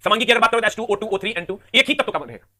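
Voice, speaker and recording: Rapid-fire, bright-voiced man teaching chemistry. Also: high voice, animated. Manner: rapid, repetitive drilling with counting aloud. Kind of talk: live online chemistry class.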